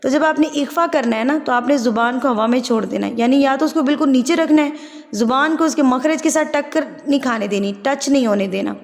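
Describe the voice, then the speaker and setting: A woman with a Pakistani Urdu accent teaching Quran recitation rules, explaining patiently step by step and drawing recited words out slowly. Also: high voice, long reverb tail. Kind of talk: tajweed lesson with slow chanted recitation.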